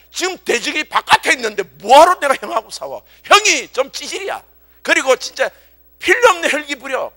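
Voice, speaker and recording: A male pastor preaches a sermon in an informal, storytelling way. His voice is high and very bright, and he moves up and down in pitch with energy. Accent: Korean. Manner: colloquial, animated storytelling. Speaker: youth pastor. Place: church service.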